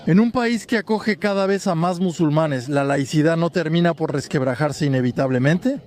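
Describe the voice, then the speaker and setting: A man interviews passers-by on the street, asking probing and deliberately provocative questions. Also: fairly high pitch, darkish tone, a little hiss or hum.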